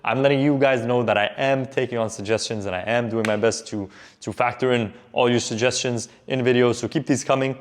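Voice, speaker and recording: A man's voice: medium pitch, fairly even intonation, a little fast, few pauses. A man with a Levantine Arabic accent teaching in a casual, informal way, switching between English and Arabic example phrases and repeating them. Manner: informal, repeats example phrases, checks in with short tag questions.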